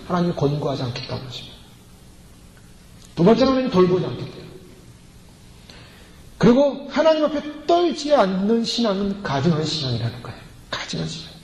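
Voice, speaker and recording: High, lively preaching man in echoey hall. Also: slight background noise. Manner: emphatic preaching, acting out prayers and quoted voices. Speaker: pastor. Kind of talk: sermon. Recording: echoey hall reverb, faint ambience.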